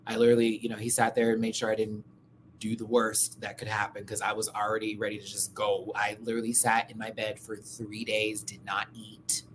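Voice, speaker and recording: This American host's livestream storytelling is candid, slangy and full of asides, though the audio is poor with a little hiss or hum. His voice sits on the low side, a bit bright, monotone and fairly quick.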